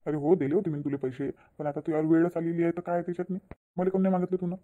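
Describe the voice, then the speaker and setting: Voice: mid-range voice, level tone, racing, narrow, tinny audio, lightly acted. A voice actor playing a kind, trusting husband in a cartoon, soothing and reassuring his wife. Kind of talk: cartoon voice acting.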